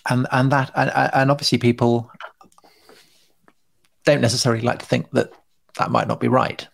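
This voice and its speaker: This middle-aged man co-hosts a podcast, chatting casually in a mid-range, creaky voice with a breathy edge. His delivery is flat and moderately paced, and he hesitates, repeats himself, and circles back with dry understatement.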